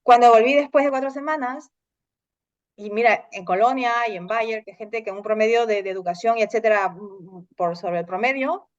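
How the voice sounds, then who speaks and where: A woman hosting a casual conversation, telling stories in an animated way and acting out the lines of others. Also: on the high side, normal speed, dry recording, lo-fi sound. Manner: animated storytelling, acting out dialogue. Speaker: host.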